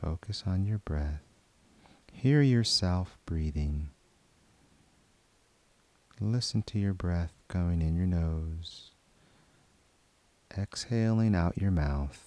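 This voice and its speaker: Very deep, slow, hushed man. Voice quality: soft, hushed, drifting into whispers. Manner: slow, calm, repetitive chant-like phrasing. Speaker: meditation guide. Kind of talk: guided prayer meditation.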